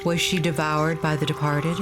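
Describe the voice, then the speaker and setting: Lower-pitched woman narrating a horror game. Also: level tone, normal speed. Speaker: gaming video host. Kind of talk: horror game commentary and read-aloud narration. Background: music.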